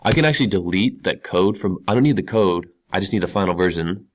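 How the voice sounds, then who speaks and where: A male teacher with a fairly low voice walks through a screen-recorded tutorial. He talks casually as he clicks through each step and repeats key words to drive them home. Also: lively intonation, fast. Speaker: computer science teacher.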